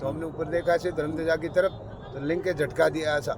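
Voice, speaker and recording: A man of seventy, a Naga sadhu, slowly and plainly recounting his life in an outdoor interview. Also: fairly high pitch, fairly even intonation. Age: 70s. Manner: slow, repetitive, plain-spoken recounting. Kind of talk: casual storytelling in an interview. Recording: outdoor recording with loud traffic noise.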